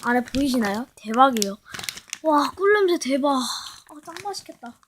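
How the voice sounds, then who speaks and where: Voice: sits high, very animated, normal speed, fairly bright tone, a little hiss or hum. A casual mukbang host with a child-like voice, chatting while opening and crunching chips. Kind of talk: casual snack-tasting mukbang vlog.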